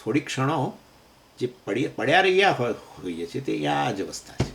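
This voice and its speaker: A man's voice: mid-range voice, sing-song, creaky, fairly bright tone. A man teaching a scripture lecture, explaining verses with everyday examples and asking and answering his own questions. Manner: chants Sanskrit verses slowly. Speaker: Vedanta teacher.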